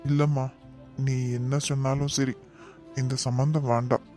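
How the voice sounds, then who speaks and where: A man voicing a worried, gentle middle-aged father in a cartoon, soft and weary, in Kanyakumari Tamil. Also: medium pitch, flat delivery, moderate pace, loud music behind the voice, lightly acted. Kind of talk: cartoon voice acting.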